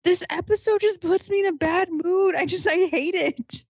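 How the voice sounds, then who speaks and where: A woman's voice: very high-pitched, normal speed, a little mellow, no room sound. A woman co-hosting a podcast in casual banter, with a sarcastic, mock-grumbling manner. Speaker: podcast co-host. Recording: dull, lo-fi sound.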